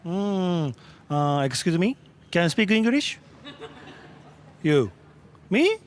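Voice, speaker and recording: A man interviewed outdoors on location, speaking in halting broken English with excitable energy. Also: high voice, a little hiss or hum.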